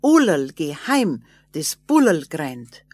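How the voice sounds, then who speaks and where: A woman's voice: low voice, big pitch swings, slow pace, dry recording, exaggerated voice. A woman voicing a small, stern male wood-man spirit who scolds and calls out in a fairy tale. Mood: calling.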